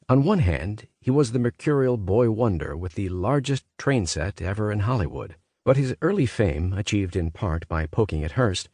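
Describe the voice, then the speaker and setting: A man's voice: on the low side, a little mellow, no echo, clean studio sound. A man reading a scripted nonfiction audiobook as its narrator.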